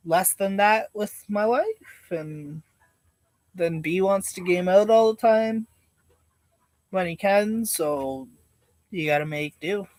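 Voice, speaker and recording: A man's voice: a little high, no echo, poor audio. A man with a laid-back, meandering stoner drawl, chatting casually and rambling like a live streamer. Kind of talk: casual rambling livestream chat.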